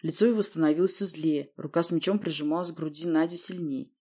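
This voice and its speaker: A woman reading a fantasy novel aloud in first person, in an even storytelling manner. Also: low-pitched, fast, breathy edge. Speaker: audiobook narrator. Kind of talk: scripted narration.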